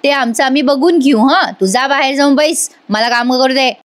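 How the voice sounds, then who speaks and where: A woman voicing a calm, firm young daughter-in-law who answers in a level, blunt way. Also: sits high, moderate pace, lightly acted.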